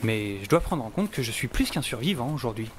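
Very animated and fairly quick, a man with a medium-pitched, lightly acted voice voices an optimistic, self-important middle-aged scientist and survivor. The scripted first-person narration is wry and theatrical with a musing air, set against music and a little hiss or hum.

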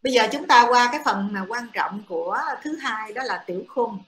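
Female lecturer, patient explainer with lots of fillers, slightly high voice, recorded in a roomy, echoing space. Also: normal speed, fairly bright tone. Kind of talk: classroom lecture. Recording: echoey room.

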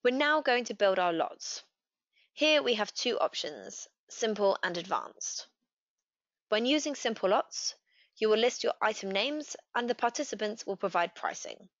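A woman gives a scripted software walkthrough in a steady, clear voice. The recording is dry, with no room sound. It is also a little dull in tone. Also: medium pitch, unhurried, no room sound. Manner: steady, clear step-by-step instruction. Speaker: customer success manager. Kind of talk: scripted software tutorial narration. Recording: dry, slightly dull voice-over.

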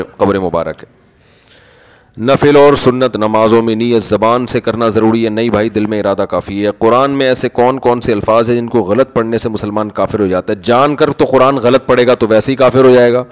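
A man giving a Friday sermon, answering questions in an explanatory, conversational way and arguing with everyday examples. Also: mid-range voice. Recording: long reverb of a large hall.

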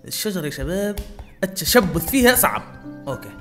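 A gaming YouTuber giving live gameplay commentary, excitable, muttering prayers under their breath and talking straight to viewers. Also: medium pitch, fast, music in the background.

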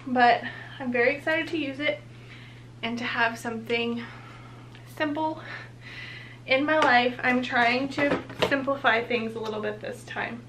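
A woman's voice: high voice, a little slow, pauses often, noisy background. A young woman, heavily pregnant and a bit out of breath, chatting casually through a product unboxing as a vlogger. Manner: chatty, upbeat.

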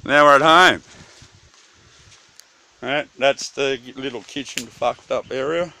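Walking around a bush campsite with a handheld phone or camera, an Australian man gives a joking, slangy tour and swears as he goes. His medium-pitched voice is bright and forceful, paced in a measured way. The outdoor recording picks up clear background noise.

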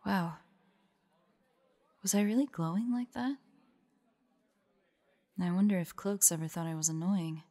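In this audio drama, a woman plays a tired demon hunter who guards others, her tone soft yet firm and her delivery slow and grave, with a wistful mood. Her voice is fairly low, and there's no echo.

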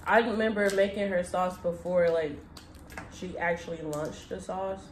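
A woman's voice: lowish voice, measured pace. A young woman chatting casually as a mukbang co-host, chewing while she talks. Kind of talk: casual chat while eating. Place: indoor room at a table. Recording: echoey room, light background noise.

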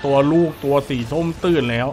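A hoarse man with a Thai accent, chatting excitedly with his viewers while commentating an online slot game. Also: medium pitch, a little fast, faint music behind. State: hoarse, dry voice.

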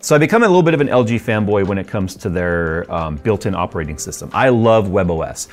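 Chatty low-voiced man reviewing a monitor. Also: lively intonation, quick pace, faint music behind. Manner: chatty, rambling asides with frequent ums and laughs. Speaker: tech reviewer. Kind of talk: casual product review. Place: studio workshop and desk setup with purple and red lighting.

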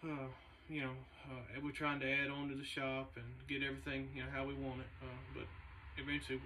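Halting man in a garage. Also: mid-range voice, completely flat delivery, background noise. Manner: halting, with many "uh" fillers, laid-back. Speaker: race car builder and shop owner. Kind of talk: casual vlog talk. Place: large indoor garage shop. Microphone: camera a few meters away. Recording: distant camera mic in a garage.

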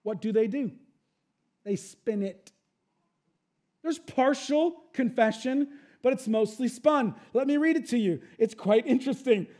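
A pastor preaching a sermon with emphatic swings between loud outbursts and hushed stretches. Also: male voice, extremely high pitch, measured pace.

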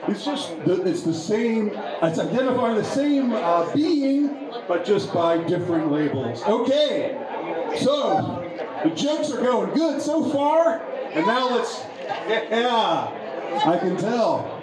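A man doing a stand-up set in a bar, talking in a halting, rambling way with many restarts. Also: high voice, big pitch swings. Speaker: stand-up comedian. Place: bar with a pool hall. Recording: echoey bar with crowd behind.

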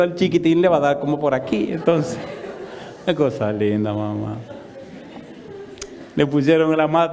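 A male pastor telling a testimony in a sermon, an animated storyteller firing off punchy rhetorical questions. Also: mid-range voice. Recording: long reverb of a large hall.

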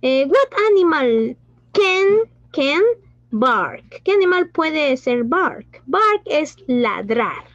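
Woman teacher, high slow voice, dull dry sound. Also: sing-song, a bit bright, no room sound. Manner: mixes Spanish and English, asks questions and praises pupils. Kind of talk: online class teaching.

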